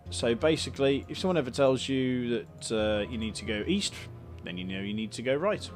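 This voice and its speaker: A man's voice: medium pitch, lively intonation, fairly quick, faint music behind. Chatty British man explaining a game. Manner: chatty, explanatory, many ums and uhs. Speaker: let's play host. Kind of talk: casual game commentary.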